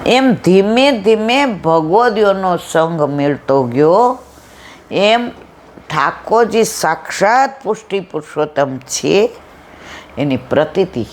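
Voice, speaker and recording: A woman's voice: fairly low pitch, slow pace, slight background noise. Gujarati woman telling devotional stories. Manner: lively storyteller acting out dialogue. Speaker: satsang speaker. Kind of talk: devotional storytelling talk.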